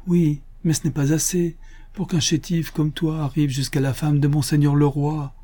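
A man's voice: on the high side, little pitch movement, normal speed, dark tone, pitched above the performer's own voice, close to an everyday voice. A man reading a storybook voices a poor, devout peasant mother who sighs and pleads in distress. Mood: sorrowful. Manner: pleading and tearful.

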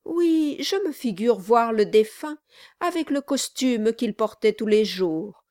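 A woman voicing a sly, obsequious male lawyer who gushes flattery in an unctuous manner, in a dry recording. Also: a little high, slow, no echo. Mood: fawning.

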